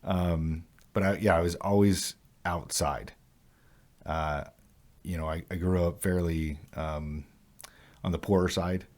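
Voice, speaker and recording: A man with a very deep voice co-hosts a casual podcast. He is from Utah and California and talks haltingly with many fillers. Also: fairly even intonation, darkish tone. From Utah and California, USA. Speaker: podcast co-host.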